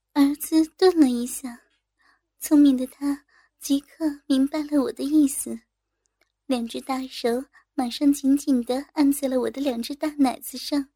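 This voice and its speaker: Woman storyteller, high mellow voice, intimate unhurried reading, dry close recording. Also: no room sound. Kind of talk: first-person story reading.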